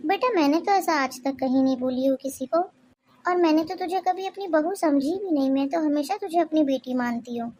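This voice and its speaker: A woman's voice: high voice, fairly quick, mellow, a little hiss or hum, natural voice. A woman voicing a well-meaning, fussing middle-aged mother-in-law in a cartoon story, scolding in a plaintive, pleading way.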